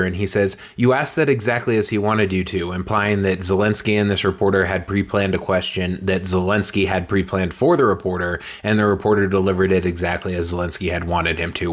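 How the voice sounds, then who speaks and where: A man's voice: sits low, fairly even intonation, fast talker, hardly any pauses. A man giving a casual, sarcastic and blunt recap of a political meeting, speaking straight to his viewers. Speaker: political commentator. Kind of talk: casual commentary video.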